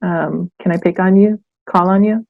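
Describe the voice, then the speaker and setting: A woman hosting a workshop on a video call, friendly and a little hesitant, with frequent pauses. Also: fairly low pitch, steady tone, vocal fry, narrow, tinny audio. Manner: friendly, hesitant with many ums. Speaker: workshop host. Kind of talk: casual video call chat.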